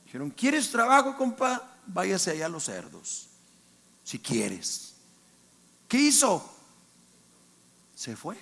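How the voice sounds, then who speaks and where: A male pastor with a Mexican accent preaching a sermon in a colloquial way, bursting into shouts for emphasis. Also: sits high, wildly swooping pitch, takes it slowly, creaky, long pauses.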